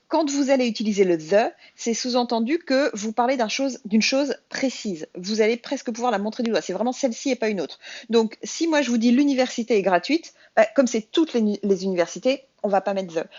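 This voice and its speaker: A woman's voice: a little high, animated, brisk, a little mellow, no room sound, highs cut off. A woman whose first language is French, explaining English grammar in a casual, chatty lesson and addressing her viewers directly. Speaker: English teacher.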